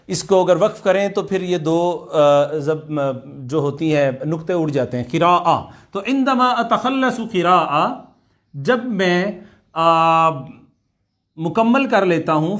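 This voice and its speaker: High-voiced man drilling Arabic phrases. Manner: slow, repeats Arabic words many times for drilling; explains in Urdu, asks students to repeat aloud. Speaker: Arabic language teacher. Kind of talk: online class lecture.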